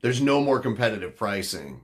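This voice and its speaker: This northern American podcast host has a lowish, sing-song voice and speaks at a normal speed. Answering chat, he wanders casually and leans on plenty of filler words.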